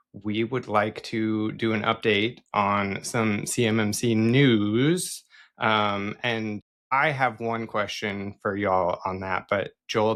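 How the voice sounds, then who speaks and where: A man hosting a podcast in casual chat, jokey and quick to laugh. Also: lowish voice, a bit bright. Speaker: podcast host.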